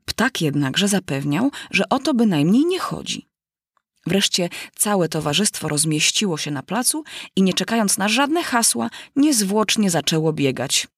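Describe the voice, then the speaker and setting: Husky woman reading a children's story. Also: mid-range voice, no echo, clean studio sound. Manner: measured storytelling. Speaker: narrator. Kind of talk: audiobook narration of a children's story.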